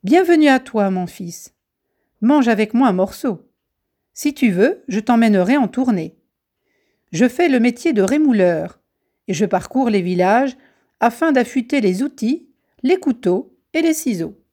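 Woman voicing a knife-grinder dad, hearty, calling out, mellow. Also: fairly high pitch, lively intonation, a little slow. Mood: welcoming. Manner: warm, hawking calls. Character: friendly knife-grinder father, hearty village craftsman.

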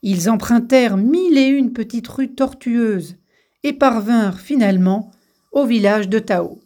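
A woman narrating a fairy tale with a measured, gentle reading style. Her voice sits fairly high, and she takes the story at a slow, unhurried pace.

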